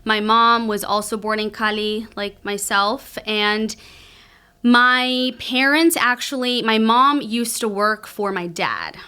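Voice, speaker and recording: A woman's voice: a little high, slow pace, pushed and bright, clear, resonant tone. A young woman from Colombia, a podcast guest telling her family's story in an earnest way. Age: young adult. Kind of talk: interview answers.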